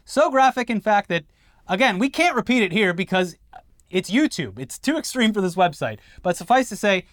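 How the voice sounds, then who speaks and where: A man's voice: high-pitched, sing-song, normal speed, a bit bright, no room sound. Wry male co-host from Florida. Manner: explanatory, reading quotes with wry asides. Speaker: co-host of a news commentary show. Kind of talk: casual news commentary chat.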